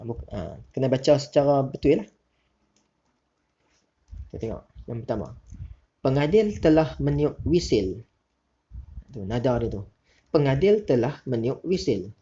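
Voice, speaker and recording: Man teaching slowly, dull lo-fi sound. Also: mid-range voice, husky. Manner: slow, deliberate reading of questions, relaxed asides to pupils. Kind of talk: recorded class lesson. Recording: dull lo-fi recording.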